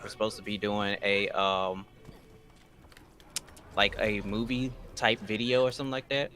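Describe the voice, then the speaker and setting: A man with a lowish voice and a sharp, forceful edge, talking casually on a gaming stream. He airs his grievances in an aggrieved, complaining tone. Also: little pitch movement, a little slow. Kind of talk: casual chat.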